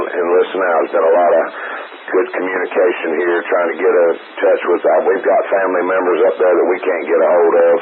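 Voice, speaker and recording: A low-pitched man speaks over a narrowband ham radio link with clear static and hiss. He talks procedurally as a radio operator, spelling call signs in phonetic letters and relaying messages. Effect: two-way radio transmission. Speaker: amateur radio operator relaying emergency calls.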